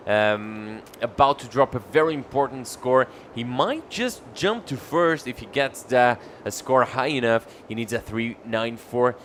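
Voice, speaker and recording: Man, live surfing commentary, measured score announcing, mid-pitched voice, faint outdoor noise behind.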